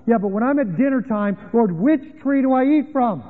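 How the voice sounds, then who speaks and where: A man's voice: very high-pitched, expressive, moderate pace, voice pushed up. A man voicing the first man Adam as a puzzled, fretful figure who keeps pestering with questions in a sermon skit. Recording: phone-like sound with long hall reverb.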